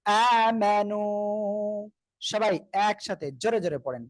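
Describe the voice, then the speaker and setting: High-voiced man teaching Quran recitation. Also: expressive, normal speed, no room sound. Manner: patient, repeats and drills, asks the class to recite together. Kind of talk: online group class teaching.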